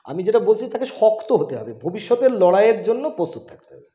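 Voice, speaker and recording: A man's voice: sits high, very animated, fast, mellow, highs cut off. A man who heads a school, speaking in an insistent, emphatic way and repeating his key points. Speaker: school headmaster. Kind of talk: conversational interview. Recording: roomy sound.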